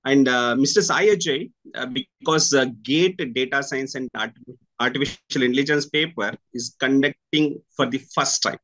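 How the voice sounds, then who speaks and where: A man in his thirties with an Indian accent, interviewing over a video call with halting, deliberate phrasing. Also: medium pitch, a bit bright, rough recording. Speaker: interviewer, senior faculty at a coaching academy. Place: small room indoors with curtains.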